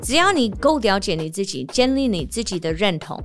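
A woman from the United States, a native English speaker, hosting a casual podcast monologue, telling stories in an animated way and laughing often. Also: mid-range voice, brisk, soft background music. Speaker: podcast host; teacher and performer.

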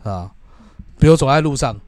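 A man's voice: mid-range voice, expressive, moderate pace, a little mellow, no room sound. A young man, telling a story in a casual chat and swearing often as he goes. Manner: swears casually, lots of filler agreement. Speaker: podcast co-host.

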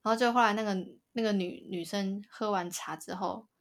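A woman's voice: mid-range voice, fairly quick. A young woman with a Taiwanese Mandarin accent, casually retelling a funny story as a podcast co-host. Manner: animated retelling with quoted voices.

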